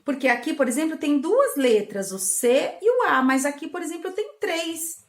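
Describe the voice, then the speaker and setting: A channel host with a high, bright, very animated voice gives parents tips on learning games at home, speaking at a normal speed. Warm and coaxing, she acts out playful little exchanges with a child in a casual teaching style. Her voice bounces around the echoey children's bedroom where she records.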